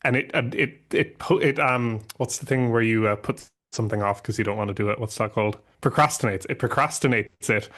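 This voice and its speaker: A man co-hosting a film podcast, blunt and insistent in casual chat, quick to laugh. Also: medium pitch, fairly bright tone. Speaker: podcast co-host.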